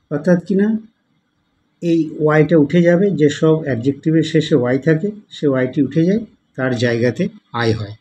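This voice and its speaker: Slow, patient male grammar tutor. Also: a little high, warm tone, rough recording. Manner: spells words letter by letter, repeats forms patiently; asks the class questions to guide them. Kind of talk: slow explanatory lesson.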